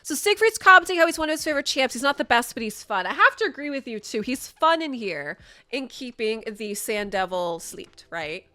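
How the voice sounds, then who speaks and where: Brisk and sing-song, the young woman's slightly high voice is bright and forceful. Commentating her gameplay casually for viewers, this gaming creator stays chatty and upbeat despite sniffling from a sinus infection, speaking into a desk mic indoors.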